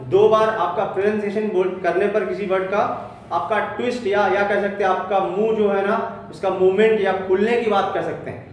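A man teaching a lesson, explaining slowly, repeating terms and spelling words out letter by letter. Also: high-pitched, a little hiss or hum. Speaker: English teacher. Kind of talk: Hindi lesson on English spelling. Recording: very echoey room from far off.

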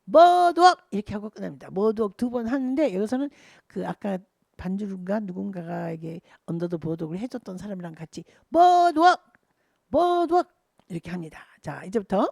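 A woman's voice: mid-range voice, lively intonation, a little fast, gravelly, mellow, slightly rough, no echo. An older woman teaching a pop-song singing lesson, chatting, counting beats and singing lines to show her class. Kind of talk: singing lesson, explaining and demonstrating lyrics.

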